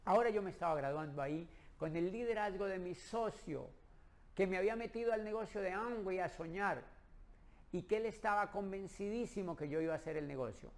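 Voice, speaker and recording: A middle-aged man from Colombia tells a personal story with lively energy and acts out the quoted dialogue. His voice is gravelly and sits a little high for a man. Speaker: speaker telling his own business story.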